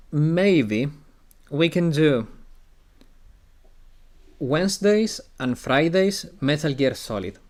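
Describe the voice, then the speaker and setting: Unhurried man chatting on a game stream. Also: fairly high pitch. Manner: thinking aloud, repeating phrases. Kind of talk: casual live-stream chat.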